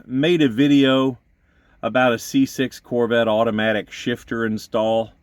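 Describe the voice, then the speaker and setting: A man's voice: mid-range voice, little pitch movement, unhurried, no room sound, close to an everyday voice. A man doing a chatty Rottweiler puppy. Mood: suggesting. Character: talking female Rottweiler puppy, helpful.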